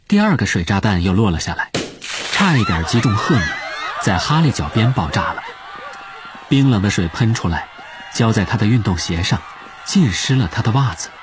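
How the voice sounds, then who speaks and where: A man reads a story as an audiobook narrator. His voice is low and lively, telling it expressively over a faint background noise.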